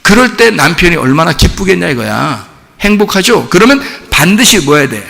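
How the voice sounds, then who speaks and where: A male pastor preaching a lively, conversational sermon in a church, often slipping into the voices of the people he describes. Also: high-pitched, normal speed, creaky. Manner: animated, acts out voices of spouses in quoted asides. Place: church sanctuary. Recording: long church hall reverb.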